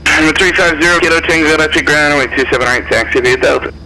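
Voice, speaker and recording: A man's voice: fairly high pitch, fast. A man working as an air traffic controller, heard over an aircraft radio in clipped radio phraseology. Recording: noisy radio transmission.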